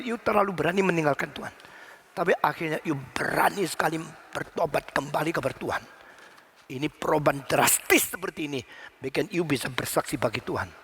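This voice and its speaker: A man's voice: on the high side, a bit bright, breathy edge. An older male pastor preaching a sermon, acting out stories dramatically and mixing in English phrases.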